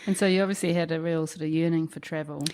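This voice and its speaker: A woman hosting a podcast interview in a guest's apartment, warm and encouraging, with affirming responses. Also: sits low, fairly even intonation, fast talker, clear, resonant tone. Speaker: podcast host. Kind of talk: scripted intro then conversational interview.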